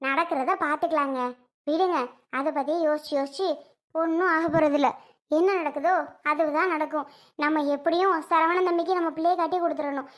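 A woman playing a practical middle-aged wife who briskly scolds her husband in a home-made family drama skit. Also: sits high, fairly even intonation, close to an everyday voice. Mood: scolding.

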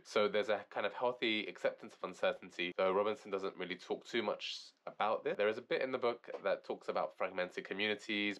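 Congested deep-voiced English man. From England. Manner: relaxed, rambling, with fillers and restarts. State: congested, nasal from a cold. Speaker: book reviewer. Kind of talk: casual spoken book summary.

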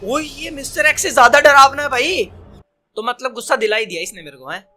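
A young man giving casual, jokey let's-play commentary, excitable and talking back at the game. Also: very high voice, a little fast. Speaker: gaming commentator.

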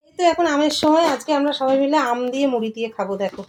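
A woman's voice: high voice, animated, very fast, darkish tone, a little hiss or hum. A woman vlogger with a Bengali accent, chatting casually to her viewers as friends while filming her day at home on a phone camera. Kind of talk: casual daily vlog narration. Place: family home.

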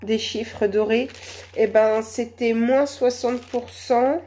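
Woman, hoarse from a cold, slow hesitant haul chat, faint ambient noise. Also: fairly high pitch, fairly even intonation, dark tone. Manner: hesitant, many fillers, slow and chatty. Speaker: vlogger. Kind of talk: casual shopping haul vlog.

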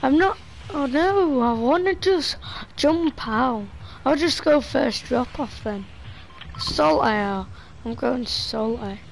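A woman chatting live with teammates while gaming, excitable and bossy in her calls. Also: high-pitched, takes it slowly, slight background noise, rough recording. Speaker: gamer. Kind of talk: live gameplay chat with teammates.

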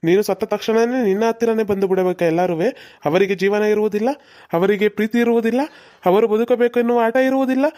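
A stern old exorcist priest in a cartoon, speaking in a flat, dark, measured voice and summoning a spirit with slow formal commands. A performer puts him on. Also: medium pitch, natural voice. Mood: commanding.

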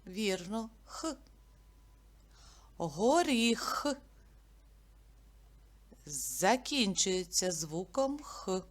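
Slow, careful woman teaching young children. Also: medium pitch, big pitch swings. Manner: slow, careful enunciation of sounds and syllables; prompts children with questions. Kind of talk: children's literacy lesson.

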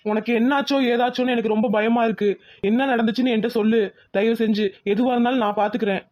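A man's voice: very high voice, steady tone, fast, darkish tone, muffled recording. A lovesick, pleading village man. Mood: pleading, worried. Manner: pleading, worried, melodramatic.

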